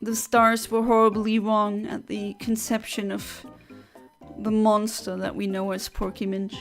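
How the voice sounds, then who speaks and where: A woman's voice: mid-range voice, flat delivery, a little slow, soft background music. A young woman from Luxembourg, chatting on a livestream headset mic, reading out viewer comments and giggling between rambling asides.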